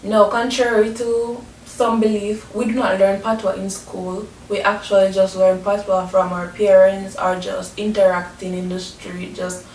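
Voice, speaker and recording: Jamaican lady explaining stuff like a lesson, pretty even pitch, roomy and a bit far from the mic. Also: unhurried, hardly any pauses. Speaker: presenter explaining language and culture. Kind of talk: explanatory educational talk. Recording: roomy echo, distant mic, faint rumbling noise.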